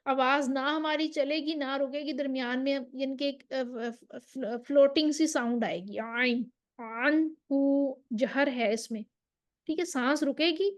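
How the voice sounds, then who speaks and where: A woman with a high voice gives a recitation lesson. She explains each rule patiently and stretches the example syllables out slowly, often pausing to ask whether the listener is following. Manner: checks with the listener, asking "ok?". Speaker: Quran recitation teacher. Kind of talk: tajweed lesson.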